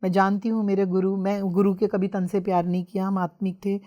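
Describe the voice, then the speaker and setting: A woman telling her spiritual experiences as a guest in an emotional storytelling style, mixing English phrases into her Hindi and rising into intense, excited outbursts. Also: mid-range voice, brisk.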